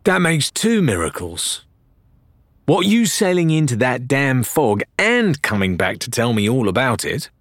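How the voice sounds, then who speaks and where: A man voicing a brusque, sharp-tongued woman who keeps a tavern, in a storybook reading. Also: medium pitch, sing-song, a little slow, no room sound, studio quality, pitched above the performer's own voice. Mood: cross.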